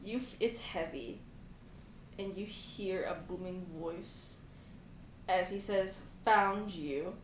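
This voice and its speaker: A woman's voice: mid-range voice, fairly even intonation, takes it slowly, long pauses, darkish tone. A woman casually narrating a tabletop game as game master, with an informal, sweary way of talking. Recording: roomy echo, faint noise.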